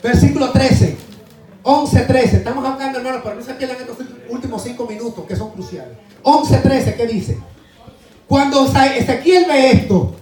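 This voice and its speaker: A male pastor preaching a fervent sermon, swinging from shouted exclamations to quiet asides as he calls on his brothers in the congregation. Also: very high voice, roomy sound. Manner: fervent, rising to shouts and dropping to near-murmurs. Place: church.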